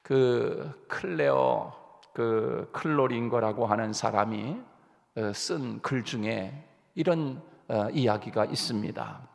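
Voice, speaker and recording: A man's voice: medium pitch, slow, creaky. A male pastor delivering an early-morning sermon, telling a story earnestly and asking the congregation rhetorical questions. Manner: earnest, rising emphasis, frequent hesitations. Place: church sanctuary. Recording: long church reverb.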